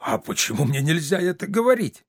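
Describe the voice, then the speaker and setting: A man's voice: fairly high pitch, big pitch swings, a little fast, no room sound, studio quality, voice pushed up. A man voicing a grumpy, bossy older invalid father in a play reading, blustering and irritable. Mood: stubborn.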